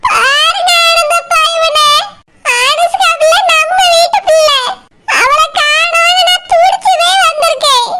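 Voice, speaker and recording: A woman voicing a tearful elderly village mother-in-law in a cartoon, wailing and shouting through tears. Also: very high-pitched, unhurried. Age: older. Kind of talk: cartoon village comedy voice acting. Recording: loud background noise.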